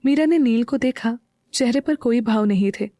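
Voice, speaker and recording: A woman narrating an audio story in a slow, even storytelling manner. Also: a little high, dry recording. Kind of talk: scripted narration.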